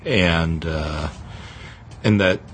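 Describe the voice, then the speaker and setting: Deep voiced guy podcast host, repeats himself working thru a thought, slight noise. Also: very slow, fairly bright tone. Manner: hesitant, repeats phrases while thinking aloud. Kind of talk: casual, reflective podcast talk.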